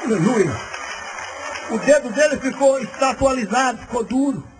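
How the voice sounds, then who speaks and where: Male missionary preacher, very high voice, dramatic and lively, often shouting. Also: moderate pace, background noise. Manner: fervent, theatrical, often shouting. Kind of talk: sermon with a personal story.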